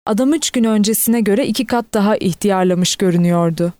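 A woman reading a novel aloud in steady audiobook narration, lightly voicing the quoted characters. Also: mid-range voice, a little fast, no echo.

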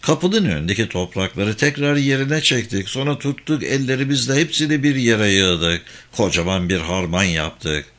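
A man narrating a story aloud in a steady storybook manner, adding short footnote asides. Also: fairly low pitch, moderate pace, few pauses.

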